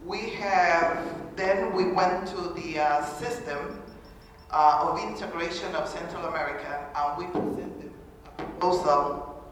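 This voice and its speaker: Here the Honduran panelist, whose first language is Garifuna, addresses the hall in a low voice over a slight hiss or hum. Earnest and halting, she keeps pausing and starting over in this formal public talk, recorded far away in an echoey space with faint ambience.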